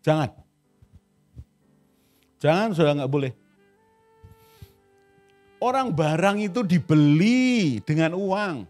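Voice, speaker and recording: Male family teacher, slightly high pitch, deliberate emphatic delivery, light music bed. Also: lively intonation, darkish tone. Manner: slow, emphatic, repeats key phrases.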